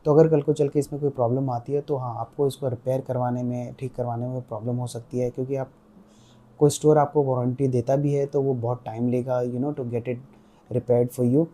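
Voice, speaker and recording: A motorcycle gear reviewer with an Indian accent talks casually through a product, explaining it step by step and switching between Hindi and English. His mid-range voice is mellow and fairly flat in pitch, at a normal speed.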